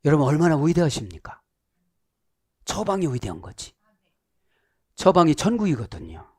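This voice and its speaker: Middle-aged pastor preaching, pitch jumps all over, dry close sound, acts out quotes. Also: male voice, moderate pace, breathy edge, no echo. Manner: animated preaching, acting out quoted voices. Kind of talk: sermon with Greek word study.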